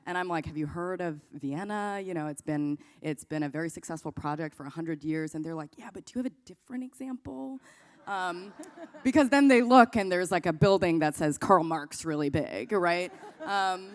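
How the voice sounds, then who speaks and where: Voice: medium pitch, normal speed. A panelist speaking candidly about organizing, with wry asides. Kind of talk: panel discussion.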